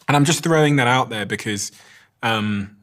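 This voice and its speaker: A man's voice: medium pitch, normal speed, a bit bright. Reflective man hosting a podcast. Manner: reflective, shares personal stories. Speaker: podcast host. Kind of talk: podcast conversation.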